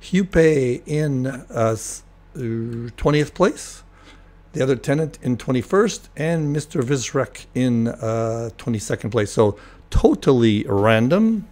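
An older man hosting a casual sim racing replay, talking in a relaxed, rambling way with many fillers, his voice cracking and often clearing his throat. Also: medium pitch, slow. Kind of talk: casual race replay commentary.

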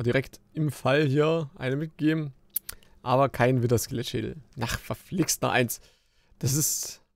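Gravelly man chatting over gameplay. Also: medium pitch, no room sound. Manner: chatty, grumbling and joking at the game; jumpy bursts of excitement while fighting. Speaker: Let's Play host. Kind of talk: casual gameplay commentary.

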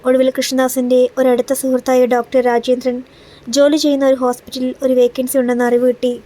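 A woman's voice: sits high, level tone, a little fast, warm tone. A woman narrating a novel as an audiobook, reading the dialogue in her own voice.

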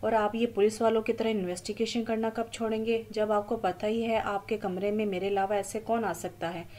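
Mellow woman doing a cheeky chatty young girl in an audio story. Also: mid-range voice, flat delivery, a little fast, lightly acted. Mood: playful. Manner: chatty, teasing, dramatic. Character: lively teasing young woman.

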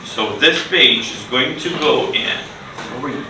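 In an indoor school classroom, a middle-aged man teaches English to children interactively, his mid-range voice lively in intonation as he speaks deliberately in simple phrases and asks repeated questions. It's captured from a distance in a roomy space with clear noise.

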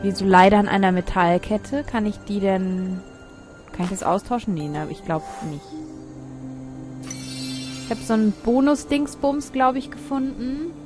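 A woman's voice: fairly high pitch, a little slow, pauses often, music in the background. A woman giving casual gameplay commentary as a let's player, reading game text aloud with chatty, muttered asides.

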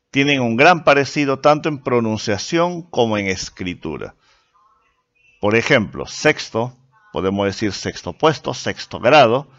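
A man teaching a lesson, explaining patiently with frequent filler pauses. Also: mid-range voice, fairly bright tone. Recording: dull lo-fi recording.

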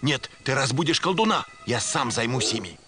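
A man's voice: medium pitch, animated, moderate pace, lightly acted. A man voicing a sly, self-serving, flirtatious rogue adventurer in a dubbed fantasy cartoon, with a mocking swagger. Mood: sly, confident. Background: music.

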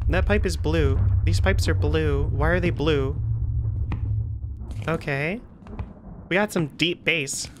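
A woman's voice: sits low, slight background noise. A woman streaming a horror game, chatting and joking playfully to herself as she plays. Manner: playful, jokey, talks to herself while playing. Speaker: gameplay streamer.

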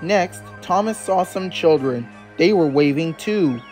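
A man narrating a children's story in a gentle, measured storybook style. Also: on the high side, expressive, soft background music.

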